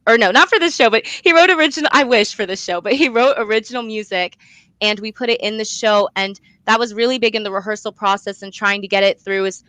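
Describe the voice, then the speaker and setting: A young adult woman, a student playwright appearing as an interview guest, talks fast in a mid-range voice that sounds pushed and bright. She is earnest and effusive about her own work in this enthusiastic interview, and there's no echo.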